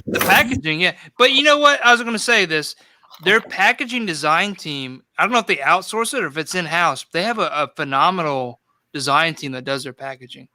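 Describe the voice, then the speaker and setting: A man's voice: a little high, lively intonation, brisk, sharp tone, no echo. A man chatting casually on a live video call, laid-back and opinionated. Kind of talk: casual chat.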